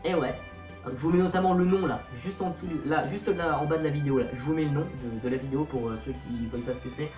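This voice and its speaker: A man's voice: high voice, darkish tone, echoey room, lo-fi sound. A young man in his late teens talking casually to camera, chatty and playfully self-mocking. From Portuguese-Brazilian family background. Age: young adult. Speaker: youtuber.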